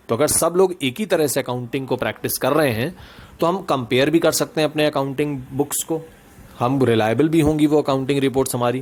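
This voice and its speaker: Hindi-speaking man teaching a class. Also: medium pitch. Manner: explains in Hindi mixed with English, reads definitions out slowly. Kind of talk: classroom lecture.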